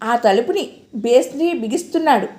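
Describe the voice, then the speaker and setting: A woman voicing a hurried, respectful young housemaid in an audio story. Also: fairly high pitch, animated, darkish tone, natural voice.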